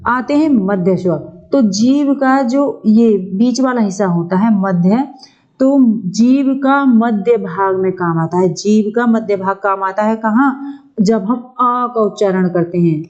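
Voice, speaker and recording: A woman's voice: mid-range voice, a little mellow, lo-fi sound. A woman teacher giving an exam-prep grammar lesson, asking questions and answering them herself, with frequent check-ins to the class. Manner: slow, drawn-out explaining, asks and answers own questions.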